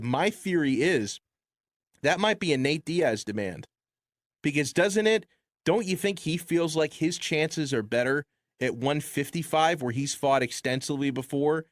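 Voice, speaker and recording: A man co-hosting sports radio talk, laying out his theories in an animated way. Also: mid-range voice, no echo, studio quality.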